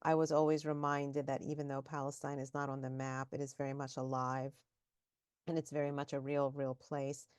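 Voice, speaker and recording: Woman, 40s, low and even, dry close recording, deliberate. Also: smooth, dry recording. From United States. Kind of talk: reflective personal account.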